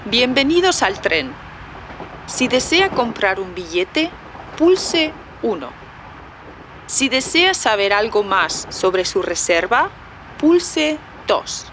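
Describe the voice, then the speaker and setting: A woman acts out a formal automated operator reading a recorded phone menu. Her fairly high voice moves slowly with big swings in pitch, over faint noise. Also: big pitch swings, a bit bright, full character voice, rough recording. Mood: polite, formal.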